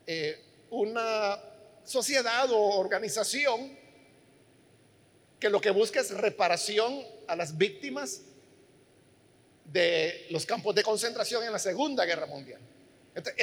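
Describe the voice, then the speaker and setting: A man's voice: extremely high pitch, a bit bright, in a large hall. A man preaching a sermon, telling a story earnestly and speaking directly to his listeners.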